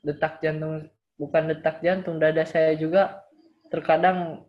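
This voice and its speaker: Casting: man as middle-aged male patient on a call, slightly high voice, polite and halting, muffled sound. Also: level tone, lightly acted. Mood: polite, hesitant. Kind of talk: role-played patient call. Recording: dull lo-fi call audio.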